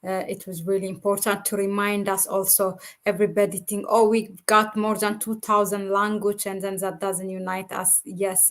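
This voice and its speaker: A woman co-hosting a livestream discussion, speaking hesitantly and thinking aloud with many fillers. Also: medium pitch. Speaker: co-host of a Pan-African talk stream.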